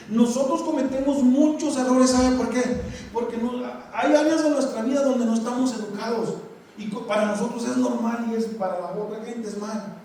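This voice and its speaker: High-voiced pastor preaching in a big echoing church. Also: male voice, warm tone. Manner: colloquial, joking, addresses the congregation directly. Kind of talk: sermon. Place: large echoey church. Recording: echoey hall, distant mic, faint noise.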